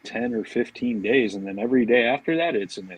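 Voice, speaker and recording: A husky man with medium pitch and lively intonation talks a little fast on a dry, rough recording. Guesting on a podcast, the fishing marketing director keeps the chat casual and full of anecdotes, dropping "man" and "you know" throughout.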